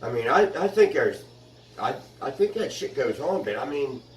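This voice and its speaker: A man in a rough, rambling telling of his story, dropping curses as he goes. He is heard from a distance in a roomy space. There is faint noise behind him. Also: mid-range voice, sing-song, moderate pace. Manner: rambling, swears a lot. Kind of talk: casual interview.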